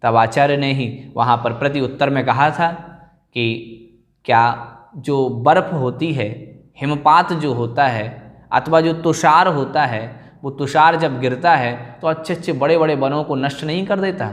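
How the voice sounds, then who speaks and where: Male scripture teacher, mid-pitched and very slow. He teaches carefully and repeats each hard word. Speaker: religious teacher. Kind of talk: scripture recitation class.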